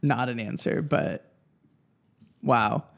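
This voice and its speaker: A man's voice: mid-range voice, lively intonation, takes it slowly, vocal fry. A man co-hosting a podcast in casual, informal banter. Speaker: podcast co-host. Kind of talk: casual chat.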